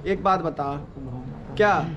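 A man's voice: on the high side, takes it slowly, highs cut off, noisy background. A man being interviewed on the street, earnestly urging support. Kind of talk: casual street chat. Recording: loud crowd outdoors.

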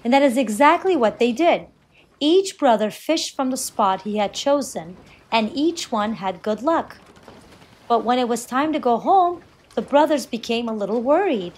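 A woman's voice: on the high side, poor audio. A woman volunteer reading a children's picture book aloud with expression. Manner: expressive, slow read-aloud.

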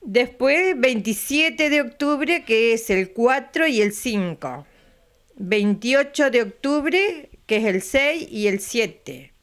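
An older Argentine woman with a clear, resonant, fairly high voice, talking into a handheld mic in her living room. She chats easily and keeps checking in with her listener as she goes over dates and amounts. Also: animated, slow, a bit bright. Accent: Argentine Spanish. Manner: chatty, repeats dates and tags lines with a questioning aside. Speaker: president of a retirees' center. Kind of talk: local TV interview. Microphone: handheld mic held by interviewer.

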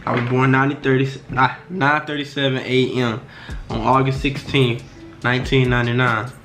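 A twenty-year-old man talks to a camera on his desk in a small wood-paneled room. His speech is laid-back and reflective, full of slang and trailing pauses. A beat plays clearly underneath, and the voice sits at an ordinary middle pitch. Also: level tone, fairly bright tone, echoey room. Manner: laid-back slang, keeps saying "you know what I'm saying". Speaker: vlogger. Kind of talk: casual to-camera vlog. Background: background music.

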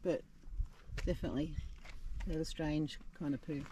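A woman giving casual, chatty commentary with quick exclamations while out on a walking track, recorded on an action camera. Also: sits low, fairly even intonation. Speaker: vlogger. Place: outdoors on a bush walking track. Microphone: action camera mic. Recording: outdoor camera recording with clear background noise.

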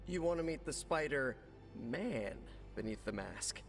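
An actor playing an eager, self-conscious young spider superhero in a video game, theatrical and joking. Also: male voice, medium pitch, expressive, unhurried, creaky, soft background music. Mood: playful.

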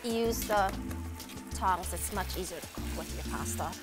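This woman in her thirties, a cooking show host and restaurant owner, runs a cooking demonstration in a home kitchen, upbeat, chatty and encouraging. Her medium-pitched voice keeps a measured pace, with background music and a sizzling pan behind her.

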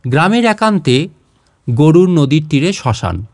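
Reading literary fiction aloud, a storyteller lends the prose a dramatic, careful touch in a voice that sits a little high. His phrasing is measured and expressive with pauses in between, and the close recording has no echo.

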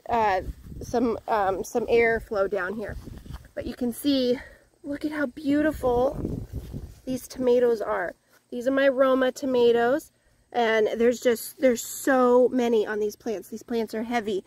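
High-voiced cheerful woman touring her garden. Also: dark tone. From Northwest Illinois. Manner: cheerful, thankful, chatty with many restarts. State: a little out of breath. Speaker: home gardener vlogger. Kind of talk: casual garden tour. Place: outdoors in a home vegetable garden.

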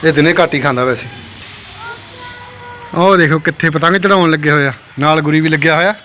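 A man's voice: fairly high pitch, a little fast, sharp tone, a little hiss or hum. A man with a Punjabi accent filming a casual family vlog, playfully calling out to his kids and pets. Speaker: family vlogger, father.

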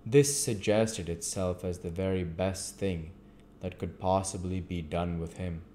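A man reading a classic novel aloud at a measured pace, with the occasional stumble. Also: low voice, mellow, slight background noise. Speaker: audiobook reader.

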